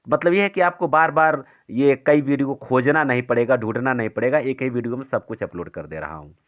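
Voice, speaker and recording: A man teaching a Hindi poetry lesson for exam students, explaining step by step and asking and answering his own questions, and reciting verse slowly. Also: medium pitch, highs cut off.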